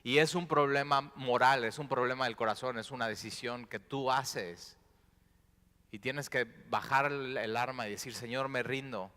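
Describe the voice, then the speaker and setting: A male pastor preaches with a bright, forceful voice that carries through a long hall reverb. He drops to hushed, prayerful tones, then surges into loud exclamations. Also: mid-range voice, fairly even intonation, moderate pace. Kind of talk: sermon. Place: church sanctuary.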